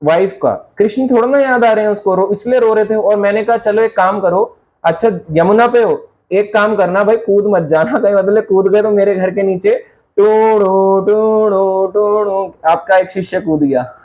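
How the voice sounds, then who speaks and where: A man's voice: sits high, moderate pace, a little mellow, low-quality recording. A man giving a spiritual lecture in a chatty, joking storytelling manner, often laughing at his own anecdotes. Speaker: lecturer on devotional scripture.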